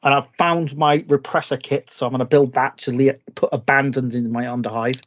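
A man's voice: mid-range voice, steady tone, brisk, no echo. Rambling man, lo-fi recording. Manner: rambling, restarts often. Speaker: podcast host. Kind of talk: casual chat about tabletop miniatures. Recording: dull lo-fi sound.

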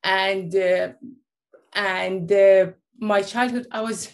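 Speaking slowly at a medium pitch with a steady tone, an Iranian-born woman in her late thirties recounts her personal story. She is a guest and a life coach, and her telling is full of restarts and fillers.

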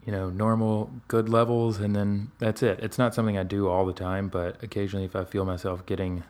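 Casting: man with a very low voice, candid and rambling, casual podcast chat. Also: flat delivery, fairly quick, a little mellow. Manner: candid, rambling with many fillers and restarts.

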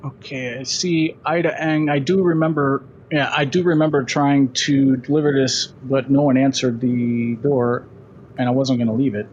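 A delivery driver, a man, talking calmly and a little apologetically over a phone call from his car on speakerphone. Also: mid-range voice, normal speed, slight background noise. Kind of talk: phone conversation.

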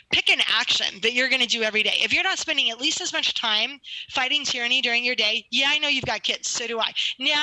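A woman speaking as a guest attorney in an interview, talking in an emphatic, fervent, rapid-fire way. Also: on the high side, sharp tone, no echo, low-quality recording. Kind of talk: impassioned interview talk.

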